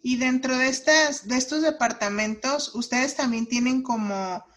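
A woman's voice: high-pitched, moderate pace. A woman from Mexico with a Mexican accent, interviewing a guest and musing aloud with many tag questions. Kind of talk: casual interview.

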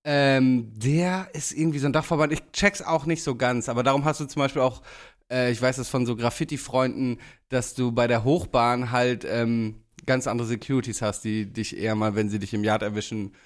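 A man's voice: mid-range voice, steady tone, normal speed. A young man co-hosting a podcast, rambling through explanations with asides and fillers. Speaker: podcast co-host. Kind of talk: casual chat.

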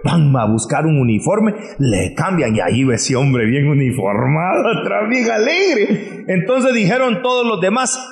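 A male preacher delivering an animated sermon, moving from plain talk into homespun storytelling with voices for each character. His pitch sits a bit high and swings widely. The recording carries a roomy echo with a long hall reverb. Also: measured pace. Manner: animated, folksy, acts out voices.

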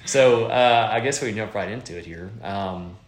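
A man's voice: on the low side, normal speed, roomy sound. A man in his thirties hosting a podcast, rambling casually with lots of fillers and restarts. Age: 30s. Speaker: podcast host.

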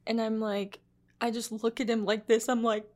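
A woman's voice: a little high, flat delivery, moderate pace. A young adult woman co-hosting a podcast in casual chat, giggly and swearing casually. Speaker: podcast co-host.

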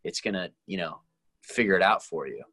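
A man's voice: sits low, expressive, a little fast, bright, forceful tone, no echo. A man co-hosting a casual podcast, talking in loose, rambling stretches. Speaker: podcast co-host. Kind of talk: casual chat.

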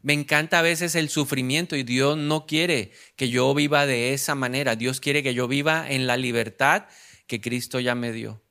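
A man's voice: medium pitch, fairly even intonation, normal speed, sharp tone. A man preaching a sermon, repeating key words for emphasis and putting questions to the congregation. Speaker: pastor.

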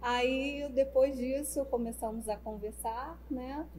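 A young woman casually telling the story of her relationship as a guest, animated and acting out the dialogue. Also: sits high, slow pace, a little hiss or hum, low-quality recording. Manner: animated, acts out the dialogue, many fillers like "né". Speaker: guest telling how she met her partner.

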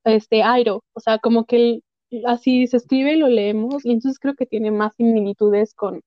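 A woman's voice: on the high side, steady tone, normal speed, dry recording, dull audio. A woman, co-hosting a podcast in a chatty way, full of fillers. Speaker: podcast co-host. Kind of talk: casual chat.

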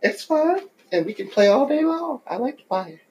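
Loud, laughing man with a lively voice. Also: extremely high pitch, moderate pace, highs cut off, crowd noise. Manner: loud laughing, teasing, crude jokes. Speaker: podcast guest. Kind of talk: casual podcast chat.

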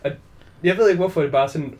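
A man in casual conversation about a film, retelling scenes with lively quoted voices and frequent swearing. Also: fairly high pitch.

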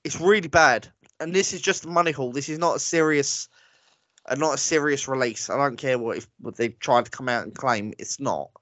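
A man's voice: medium pitch, a little fast, a bit bright, no room sound. A man chats on a gaming podcast in a blunt, dismissive way and laughs easily. His voice sounds dry and a little dull, as on a lo-fi recording. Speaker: podcast host. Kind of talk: casual gaming podcast chat.

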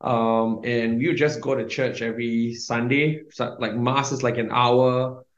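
A young man tells his story with lots of "like" and "um", stopping and restarting as he goes. His voice sits at a middling pitch and sounds roomy, with a dull, lo-fi sound. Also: flat delivery, a little slow. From Singapore. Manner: rambling, many fillers and restarts, laughs often. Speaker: guest. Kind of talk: casual testimony.

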